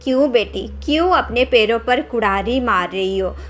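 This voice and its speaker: A woman's voice: fairly high pitch, expressive, moderate pace, close to an everyday voice. A woman voicing a scolding, scheming village stepmother. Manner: scolding, sharp-tongued. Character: scheming boastful middle-aged village stepmother. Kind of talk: Hindi cartoon story voice acting.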